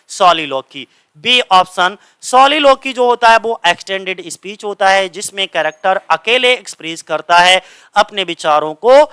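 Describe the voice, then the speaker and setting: High bright-voiced teacher quizzing. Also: male voice, clean tone, no room sound. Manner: drills with repeated questions and answers; reads English slowly, explains in Hindi. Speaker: English literature teacher. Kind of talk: exam-prep lecture.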